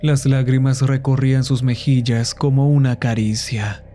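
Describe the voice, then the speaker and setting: A man narrating a horror story in a slow, somber storytelling manner. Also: medium pitch, level tone, warm tone, soft background music.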